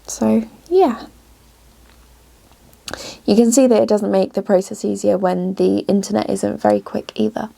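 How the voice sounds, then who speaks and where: A small business vlogger chats casually to camera from her home craft studio, talking through her work with lots of ums and restarts. Her medium-pitched voice is steady, dark and creaky, and she moves at a measured pace with frequent pauses. She is a little bunged up from a runny nose.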